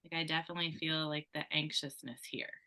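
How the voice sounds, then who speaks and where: A woman's voice: low-pitched, flat delivery, fast talker, pushed and bright. A woman taking part in the exercise, describing what she feels hesitantly with many fillers. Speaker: participant.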